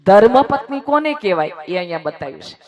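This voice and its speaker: A woman narrating a devotional religious story in a sermon style, emphatic and pausing for moral asides to her listeners. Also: medium pitch, sing-song, a crowd in the background.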